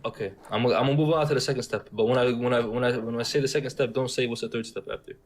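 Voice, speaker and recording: A young caller to a casual debate, born in Syria and brought up in the Detroit area, talks very fast in a steady, mid-range voice. He has a slight Arabic accent and rambles, repeating himself insistently.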